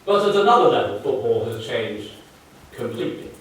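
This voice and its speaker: Speaking a little fast in a mid-range, somewhat bright voice with big pitch swings, an older man with a northern English Mancunian accent walks a lecture audience through charts, dropping dry, wry remarks. The large hall echoes heavily, and his voice seems distant.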